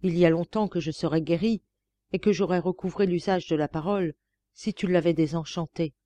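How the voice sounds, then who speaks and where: Stern storybook sultan, read by a woman, grave and reproachful, mellow, dry. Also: on the low side, a little fast, no room sound, natural voice. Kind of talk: audiobook reading of a classic tale.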